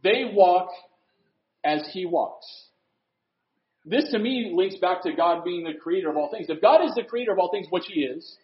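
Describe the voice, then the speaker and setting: A man preaching a sermon in a conversational way, posing rhetorical questions and swinging between loud emphasis and quiet asides. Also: high-pitched, animated, normal speed. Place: room with a board. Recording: roomy, dull lo-fi recording.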